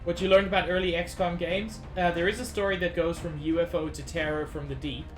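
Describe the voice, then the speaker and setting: Her fairly low voice stays mostly even in intonation and moves a little quickly. She's a slightly ill streamer playing a game, chatting anxiously and casually with her viewers while game music plays faintly behind.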